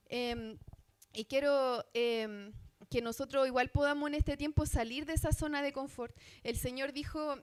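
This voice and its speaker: High-pitched Chilean woman preaching. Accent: Chilean Spanish. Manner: earnest, asks the congregation questions, many fillers. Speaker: missionary preacher. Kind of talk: sermon. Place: church.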